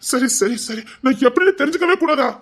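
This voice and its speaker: A woman's voice: high voice, expressive, fast talker. A woman with a Tirunelveli Tamil accent playing an anxious husband who pleads and repeats himself over and over. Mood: pleading.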